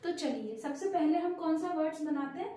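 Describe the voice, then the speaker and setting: A woman's voice: high voice, a little fast, mellow. A woman teaching a language lesson to children, patiently asking her learners questions and praising them. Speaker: Hindi teacher. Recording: very echoey room.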